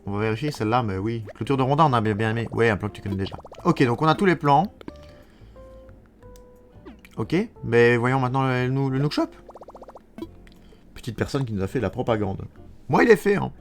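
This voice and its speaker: A man's voice: mid-range voice, a little fast, long pauses, faint music behind. A man with a Belgian French accent from Wallonia, chatting live with viewers while playing a game. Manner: chatty, answers viewers, thinks aloud. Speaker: streamer.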